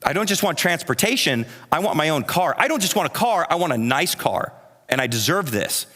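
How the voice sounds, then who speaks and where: A man's voice: a little high, very animated, fairly quick, sharp tone. Earnest preaching man in a reverberant hall. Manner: earnest, conversational preaching with rhetorical repetition. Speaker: pastor. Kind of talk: sermon. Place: church sanctuary.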